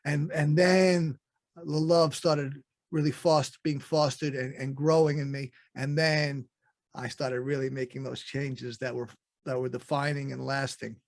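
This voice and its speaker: A man's voice: medium pitch, little pitch movement, unhurried, no room sound. A man hosting a podcast, talking candidly in a casual interview over a video call. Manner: candid, laughs while telling stories. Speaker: podcast host.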